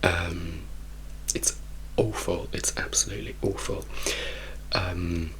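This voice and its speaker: A man from Italy gives a soft-spoken ASMR ramble in a hushed, mostly whispered voice, unhurried and repeating words for emphasis. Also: deep voice, little pitch movement, low-quality recording. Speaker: ASMR creator telling personal stories.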